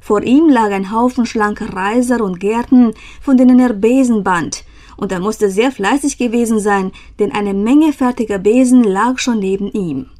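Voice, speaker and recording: A woman reads an old fairy tale aloud in a calm, measured way. Her voice sits fairly high for a woman. The storytelling is steady and unhurried.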